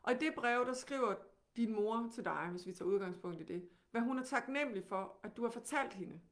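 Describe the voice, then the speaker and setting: A woman with a Danish accent teaching, who guides calmly and gently with many questions. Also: on the high side.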